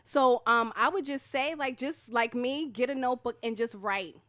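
Woman, interview guest, author, animated, slightly high, bright forceful tone. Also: normal speed. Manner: animated, repeats "you know what I mean". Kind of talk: casual interview talk.

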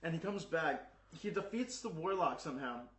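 A man's voice: on the high side, animated, moderate pace, a bit bright. Laid-back young man, casual chat. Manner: laid-back, says "dude" and "like" a lot. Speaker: podcast co-host. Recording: echoey room.

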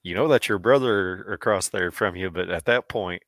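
A man's voice: low-pitched, normal speed, a bit bright, no room sound. A man with a Missouri accent co-hosting a sports podcast, chatty and laughing often as he talks. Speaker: podcast co-host. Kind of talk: casual sports chat.

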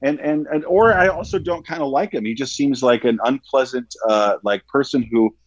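A man's voice: mid-range voice, moderate pace, dry recording, highs cut off. A man co-hosting a podcast, giving a casual film review with emphatic points, stammering restarts and fillers. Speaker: podcast co-host.

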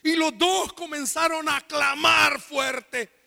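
A man's voice: very high-pitched, fairly even intonation, takes it slowly, gravelly, big-room sound. A married man preaching a sermon at a church service, speaking with impassioned intensity and calling out to the congregation. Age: adult, married. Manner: impassioned preaching with shouted appeals. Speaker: pastor.

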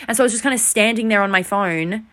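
A young podcast host tells a rambling, self-deprecating story, casual and animated, though she sounds overtired. Her voice sits at a medium pitch and moves fast.

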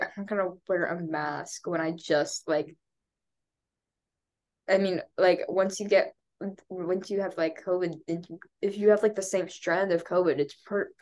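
A young woman with a lowish, darkish voice co-hosts a podcast and sounds congested. Her casual chat rambles along with plenty of fillers and restarts, broken up by frequent laughs.

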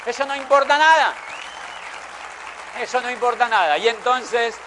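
A man's voice: extremely high pitch, normal speed, crowd noise, background noise. A middle-aged man, telling an emphatic motivational story to an audience and repeating phrases for effect. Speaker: motivational speaker.

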